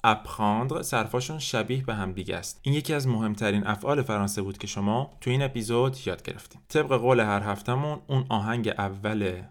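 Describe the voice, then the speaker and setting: Podcast French teacher, a man with a low voice and Persian as his first language, who explains quickly and drills phrases slowly.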